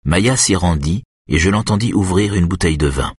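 A man narrating a literary novel in the first person, with a calm, measured reading. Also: deep voice, slightly rough, no echo, studio quality. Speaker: audiobook narrator.

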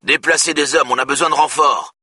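A man's voice: fairly high pitch, steady tone, brisk, bright, forceful tone, slightly rough, dry recording, pitched above the performer's own voice, full character voice. A man voicing a stressed male police commander who barks urgent orders over the radio.

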